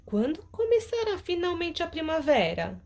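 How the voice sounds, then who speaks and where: A woman's voice: very high-pitched, wildly swooping pitch, moderate pace, darkish tone, pitched above the performer's own voice, exaggerated voice. A woman reading a story aloud and voicing an impatient little girl who longs for spring. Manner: impatient, wishful.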